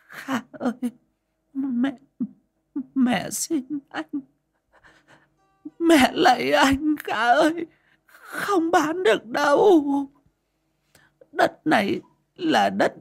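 A man voicing a frail old mother who stammers, begs and weeps in a high, creaky voice. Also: exaggerated voice. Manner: begging, stammering.

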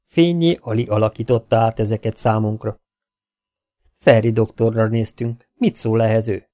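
A man narrates an audiobook in a low, mellow voice. The sound is dry and close. He lifts his pitch for the characters' lines and drops it again for the narration. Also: fairly even intonation, dry recording. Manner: reads dialogue with lifted pitch, drops for narration tags. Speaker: audiobook reader. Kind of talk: scripted narration.

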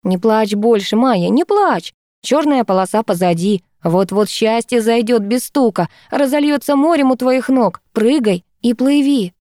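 A woman reading an audiobook, giving a gentle imagined voice to a comforting young dog. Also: fairly high pitch, a little slow, no room sound, studio quality, voice pushed up, close to an everyday voice.

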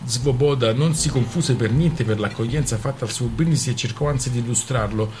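A man's voice: mid-range voice, fairly quick, noisy background. A man reading a novel aloud on a radio show in a storytelling manner. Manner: storytelling, acting out characters. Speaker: reader.

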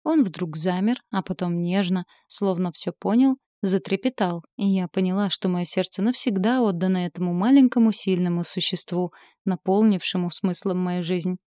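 Give me a woman with a low, warm voice narrating a story steadily. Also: moderate pace, few pauses, no echo, studio quality. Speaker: audiobook narrator. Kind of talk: first-person story narration.

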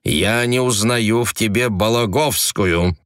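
A man voicing a dignified, stern old aristocratic lady who speaks slowly and haughtily in a storybook reading. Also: fairly low pitch, a bit bright, clean tone, no echo, clean studio sound. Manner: slow, haughty, measured.

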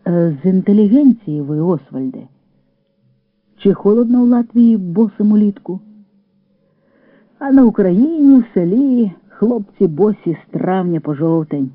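A man reading the part of a calm partisan scout commander who talks plainly and with good humour, over a tinny radio recording. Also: high-pitched, no room sound.

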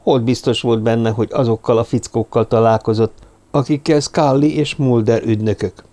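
Male audiobook narrator, dark mellow tone, steady suspense read. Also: medium pitch. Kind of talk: scripted narration.

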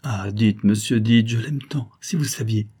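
A man's voice: lowish voice, a little slow, dark tone, husky. A man voicing a loving, earnest young woman in a raised, tender voice.

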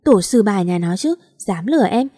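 A woman voicing an impulsive, chatty young woman who talks in an emotional, rapid, complaining way. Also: medium pitch, animated, mellow, dry recording, studio quality, natural voice.

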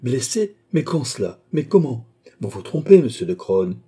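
A man's voice: medium pitch, normal speed, dark tone, breathy edge, lightly acted. An indignant queen, read by a man. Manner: indignant, commanding. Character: haughty angry young queen. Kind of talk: audiobook reading.

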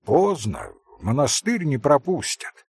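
A sarcastic, irritable young man grumbles in a low, caustic voice, as a male reader plays him. His speech is husky and unhurried. It is a dry, close audiobook recording. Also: huge pitch swings, no echo, full character voice. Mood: sneering.

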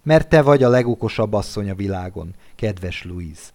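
A wry aging gentleman, teasing and muttering his remarks, as a male reader puts him on. The voice sits low and unhurried, close to the narrator's own. It belongs to a classic storybook reading. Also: lively intonation.

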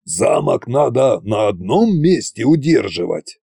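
Man doing a gravelly old undead tsar, audiobook voice, slow drawl, husky, dark. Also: medium pitch, very animated, no room sound, studio quality, exaggerated voice. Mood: straining. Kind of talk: audiobook character voice.

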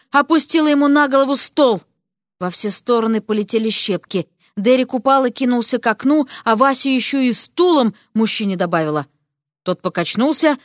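A woman narrating a fantasy story in an expressive, lively reading. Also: on the high side, no room sound, clean studio sound. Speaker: audiobook narrator.

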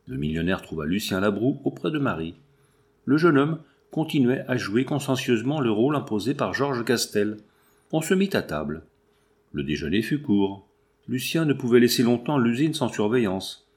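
A man narrating a novel as an audiobook in a steady, measured reading. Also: medium pitch. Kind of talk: scripted narration.

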